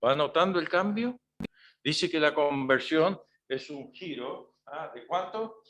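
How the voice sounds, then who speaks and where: A man's voice: fairly high pitch, slow, a bit bright, lo-fi sound. A male preacher giving a sermon in a conversational style, often tagging his points with rhetorical questions to the congregation.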